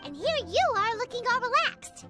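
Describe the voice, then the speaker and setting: A tiny, bossy floating companion in a game, squeaking at a very high pitch and bouncing all over her range as she teases and talks about herself in the third person. Loud game music plays behind her. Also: sing-song, moderate pace. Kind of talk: video game voice acting.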